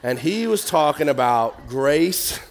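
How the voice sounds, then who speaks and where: A man's voice: on the high side, expressive, slow pace. A man preaching a conversational sermon in a nasal, crackly voice, informal and emphatic, repeating key words and reading scripture.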